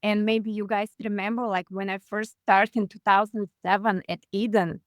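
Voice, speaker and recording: A woman in her forties from Russia with a Russian accent, chatting as a guest on a video call, halting and full of fillers. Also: medium pitch, fairly even intonation, dry recording, lo-fi sound. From Russia (far east). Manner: halting, many "like" fillers, simplified grammar. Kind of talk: casual interview over video call.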